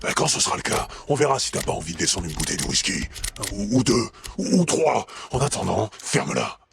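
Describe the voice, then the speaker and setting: A male actor playing a gruff, impatient biker drifter in video game dialogue, blunt and sarcastic. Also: lowish voice, very animated, fairly quick, background noise. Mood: sardonic, irritated.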